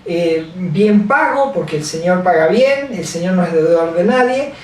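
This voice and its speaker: A woman delivers a sermon in a halting way. She repeats chapter and verse and leans on fillers. Her voice rings through a very reverberant church hall, picked up from far off. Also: fairly low pitch, lively intonation, darkish tone. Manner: halting, repeats scripture references, many fillers. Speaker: preacher. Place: large echoey church hall.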